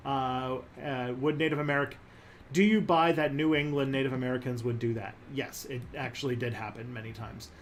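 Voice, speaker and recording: A man hosting a casual livestream chat, animated and jokey, rambling with many fillers. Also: mid-range voice, a little fast, a little hiss or hum. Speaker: host.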